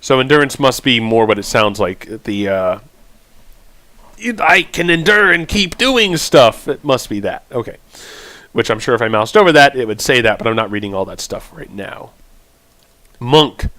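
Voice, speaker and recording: A man hosting a let's play, reading the game's codex entries aloud and commenting with animated, self-deprecating asides. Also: on the low side, fairly quick.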